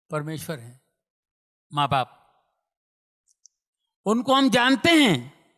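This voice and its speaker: A middle-aged man with a notably high voice preaches with emphatic repetition, pushing some lines loud and dropping others to a hush. His words ring out with the long reverb of a large hall. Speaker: preacher giving testimony. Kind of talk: sermon.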